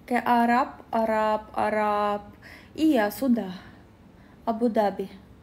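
Her voice is medium in pitch and a little mellow, with fairly even intonation. The woman, from Belarus, is chatting casually on a phone livestream and replying to comments, sounding tired and sleepy. She stops often, hunting for words and saying "eh" through many pauses.

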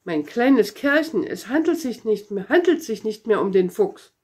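A woman's voice: medium pitch, very animated, normal speed, slightly rough. A woman reading a thirsty, weary pilot. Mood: worried. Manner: weary, worried. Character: thirsty stranded pilot, grown man. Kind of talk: storybook read-aloud.

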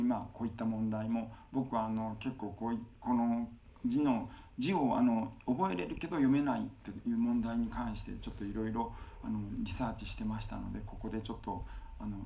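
A man's voice: medium pitch, a little mellow, a little hiss or hum. A man who is a film director, answering on a cinema stage in earnest, long, winding sentences.

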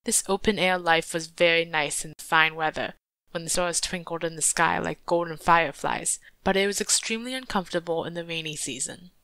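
A woman reading a folk tale aloud in a steady, measured way. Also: on the low side, no echo. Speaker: audiobook reader. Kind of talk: storybook narration.

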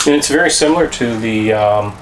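A man giving a casual, halting, explanatory walk-through from inside a small trailer. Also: medium pitch. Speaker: RV vlog host. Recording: noisy small trailer interior, air-conditioning hum.

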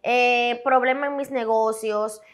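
A young woman with a Dominican Spanish accent, a guest telling her story in a candid, emphatic, animated way. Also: on the high side, takes it slowly. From Dominican Republic. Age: young adult. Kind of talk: candid interview talk.

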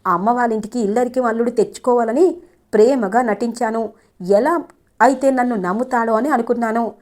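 A woman voicing a sharp-tongued, scheming young wife who taunts and coaxes her husband. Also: on the high side, fairly quick, close to an everyday voice. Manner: taunting, then coaxing.

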